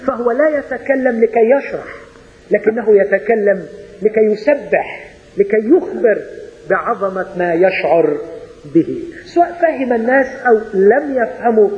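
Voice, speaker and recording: A man preaching a sermon with an Egyptian accent, asking his listeners rhetorical questions and swinging from loud exclamations to hushed, drawn-out words. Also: sits high. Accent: Egyptian Arabic. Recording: muffled sound in a reverberant hall.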